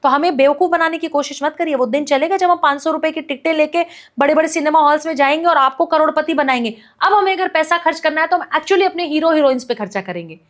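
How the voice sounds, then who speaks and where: A woman activist speaking as a podcast guest, making her case in a forceful, repetitive, rhetorical way. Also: high-pitched, fast, few pauses. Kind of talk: impassioned podcast commentary.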